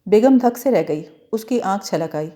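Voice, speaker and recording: A woman narrates a novel for an audiobook in a mellow, warm voice at a middling pitch. Her telling is expressive, and she slips into the characters' lines as she reads.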